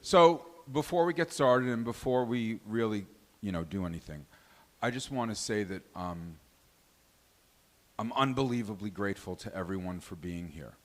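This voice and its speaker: A man with a lowish voice and a moderate pace hosts a live stage show in front of an audience. He introduces the performers and the cast from the venue stage.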